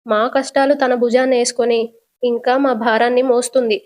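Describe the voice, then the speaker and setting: A grieving widowed mother who curses and sobs at her wayward son, her speech drawn out through tears, played by a woman retelling a TV serial. The voice sits high and lifts sharply when she pleads. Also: fairly quick, natural voice. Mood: tearful prayer. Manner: weeping, scolding.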